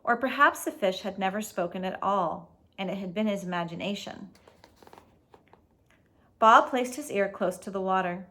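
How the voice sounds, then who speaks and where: A female host reads aloud from a storybook at normal speed, her mid-range voice expressive. Her explanations are casual, aimed at young listeners.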